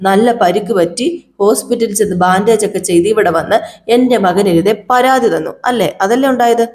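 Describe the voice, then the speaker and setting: A woman's voice: mid-range voice, a little fast, a little mellow, close to an everyday voice. A woman voicing a stubborn older grandmother who defiantly argues with the police in a TV serial retelling. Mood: scolding. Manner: defiant, scolding.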